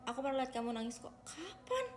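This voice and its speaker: Fast-talking young woman livestreaming. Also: fairly high pitch. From Indonesia. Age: young adult. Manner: chatty, addresses viewers as guys. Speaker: idol livestreamer. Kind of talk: casual livestream chat.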